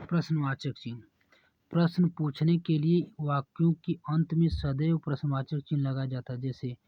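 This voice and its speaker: A man who teaches, reading exam answers aloud in a steady dictation-like way and correcting himself now and then. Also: on the high side, dry recording, muffled recording.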